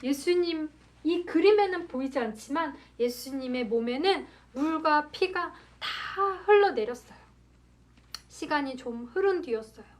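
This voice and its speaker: A woman preacher telling a Bible story to young children in a gentle, animated storytelling manner, acting out the crowd and asking the kids questions. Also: sits high, measured pace.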